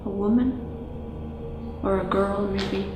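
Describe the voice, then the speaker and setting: Woman acting a halting psychic in an echoey room. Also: medium pitch, steady tone, lightly acted. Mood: uneasy, haunted. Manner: halting, trailing pauses. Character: hushed, uneasy woman psychic sensing spirits. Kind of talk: found-footage horror film acting. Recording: roomy echo, music behind.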